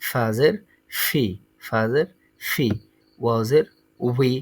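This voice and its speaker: A man teaching Quran letter sounds, saying each letter and its vowel twice in a slow, deliberate drill. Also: medium pitch, low-quality recording. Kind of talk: slow recitation lesson.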